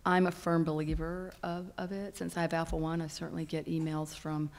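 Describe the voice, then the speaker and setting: A middle-aged patient panelist who also leads a support group addresses a conference hall stage panel through a stand microphone. Her low, gravelly, darkish voice is flat and moderately paced, and she speaks earnestly but hesitantly, often saying "um."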